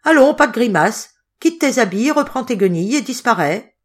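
A woman's voice: a little high, big pitch swings, moderate pace, voice pushed up. Woman doing a cruel furious innkeeper. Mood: harsh. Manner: snarling, harsh, commanding.

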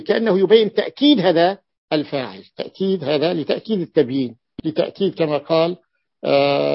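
A man's voice: a little high, vocal fry, dry recording. A man teaching a grammar lesson as a sheikh, explaining step by step and repeating key phrases. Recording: dull, dry lo-fi recording.

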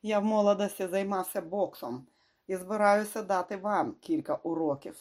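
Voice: medium pitch, normal speed, a little mellow, lightly acted. The audiobook narrator voicing a brutal, sadistic male gangster boss in a raised, taunting, snarling voice. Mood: gloating.

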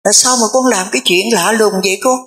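A woman's voice: medium pitch, fast, fairly bright tone, lightly acted. A woman voicing a grieving wealthy father who pleads with his son. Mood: pleading. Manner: pleading, repeating words.

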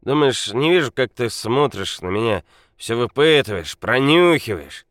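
A man voicing a drunk, boastful quarry owner who slurs and shouts. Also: mid-range voice, lively intonation, fairly quick, no room sound, studio quality, pitched above the performer's own voice, lightly acted. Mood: drunk, loud. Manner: slurring, shouting, swaggering.

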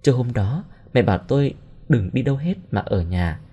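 A man reading the part of a sorrowful young man who quietly recounts his family's tragedy, in a storybook reading. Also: mid-range voice, animated, a little fast, husky, dull audio. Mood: mournful. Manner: subdued, mournful.

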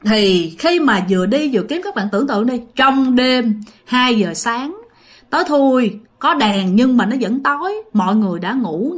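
A woman with a Southern Vietnamese accent narrating a ghost story in casual, conversational style. Her voice sits a little high and swoops expressively. She speaks straight to her listeners. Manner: animated, chatty, addresses listeners directly.

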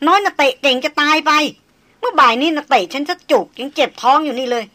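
A bubbly young foreign woman speaks in a shrill, high, laughing voice, put on by a woman reading the story aloud. Her tone is bright and sharp, playful and teasing. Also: animated, quick pace, no echo.

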